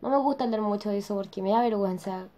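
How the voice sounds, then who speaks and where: A woman's voice: mid-range voice, rapid-fire, warm tone. Young teen girl, casual vlog chat, giggly, filler-heavy, bedroom. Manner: giggly, chatty, keeps saying "o sea"; says she is shy. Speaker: youtuber. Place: her bedroom, sitting on her bed.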